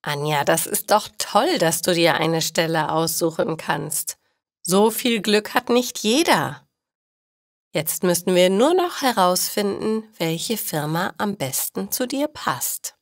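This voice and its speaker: Brief: woman narrator doing a cheerful young female advisor friend, slow and emphatic, dry close sound. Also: fairly low pitch, lively intonation, dry recording. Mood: encouraging. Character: upbeat young woman friend giving advice.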